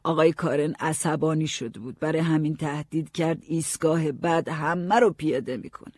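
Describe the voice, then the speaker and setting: Husky-voiced male audiobook narrator. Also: on the high side, no room sound. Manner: calm storytelling, first person.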